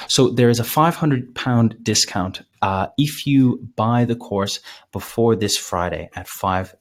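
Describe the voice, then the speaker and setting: A man presenting a live webinar, talking casually with many fillers and restarts, his voice a little hoarse. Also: lowish voice. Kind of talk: live webinar sales pitch.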